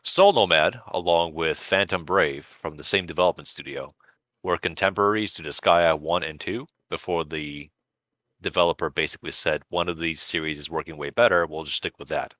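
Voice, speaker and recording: Deep-voiced sardonic man chatting. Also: normal speed, sharp tone, no echo. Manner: dry, sardonic humor. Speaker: podcast co-host. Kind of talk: casual chat.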